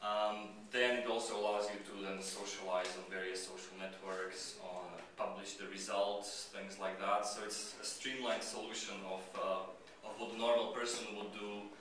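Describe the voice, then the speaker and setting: A man from Slovakia pitching his startup at a meetup, talking casually with many fillers and restarts. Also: flat delivery, moderate pace, few pauses, fairly bright tone, a little hiss or hum. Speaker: startup founder giving a pitch. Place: meetup venue. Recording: echoey room, mic far off, crowd behind.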